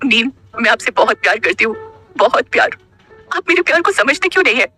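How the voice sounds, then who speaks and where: A man's voice: very high-pitched, racing, bright, forceful tone, soft background music, pitched above the performer's own voice, full character voice. A man voicing a desperate young woman in love, pleading in a choked, tearful voice in an audio story. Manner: pleading, tearful, then defiant.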